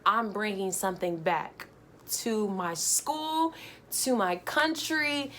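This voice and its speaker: A young woman vlogger telling a casual, animated travel story, full of fillers. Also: medium pitch, takes it slowly, slight background noise.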